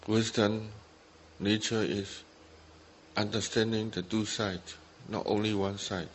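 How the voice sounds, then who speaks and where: This low-quality recording of a retreat talk features a man with a lowish, flat voice taking his time as he guides a meditation. English is his second language, and as a Buddhist teacher he uses short, simple phrases with spaces in between; a slight hiss or hum is audible.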